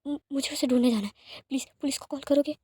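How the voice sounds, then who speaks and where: A woman voicing an anxious, excitable young man who frets over his missing child and scolds over breakfast. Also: sits high, moderate pace, no room sound, studio quality. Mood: panicked.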